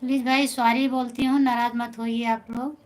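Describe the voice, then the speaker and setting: A woman's voice: fairly high pitch, flat delivery, normal speed, rough recording. A woman folk singer with an Awadhi accent, chatting casually with viewers on a phone live stream, answering them by name and reassuring them.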